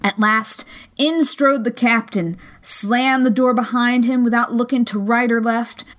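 A woman narrating a classic novel as an audiobook in a steady, measured storytelling manner. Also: a little high.

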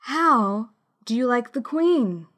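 A woman voicing a sly grinning cat that speaks low and unhurried. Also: lively intonation, fairly bright tone.

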